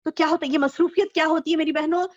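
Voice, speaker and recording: A female Islamic scholar giving a religious lecture to women. She repeats phrases, asks rhetorical questions and recites verses slowly before explaining them. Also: sits high, steady tone. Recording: dull lo-fi recording.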